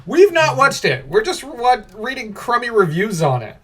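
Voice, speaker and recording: A man's voice: extremely high pitch, normal speed, breathy edge. A young man co-hosting a casual podcast, reading film reviews aloud and mocking them with sarcasm and frequent laughter. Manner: sarcastic, laughs often, animated ranting. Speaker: podcast co-host.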